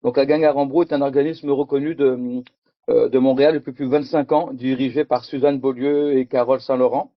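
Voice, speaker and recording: A middle-aged man from Picardy, France, presents at a conference with slides, his medium-pitched voice steady and brisk. He speaks hesitantly and repeats words, and the recording is dry and lo-fi.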